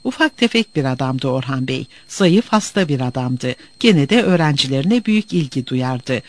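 Expressive male audiobook narrator. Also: medium pitch, moderate pace. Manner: expressive storytelling.

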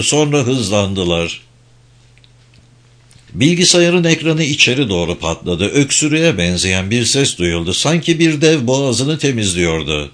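A man reading a dark novel aloud as an audiobook narrator, with expressive delivery. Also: medium pitch.

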